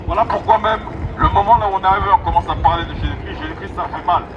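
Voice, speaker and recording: A fast-talking man with a high voice preaches on an urban street as a street evangelist, using a megaphone for an exhorting, repetitive sermon in emphatic bursts. The sound is dull and distant, and loud traffic and city ambience fill the background.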